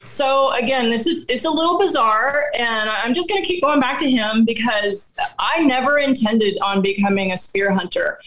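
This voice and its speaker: A middle-aged woman, telling a personal hunting story in casual chat, animated and often laughing. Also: a little high, moderate pace, few pauses, rough recording. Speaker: guest hunter.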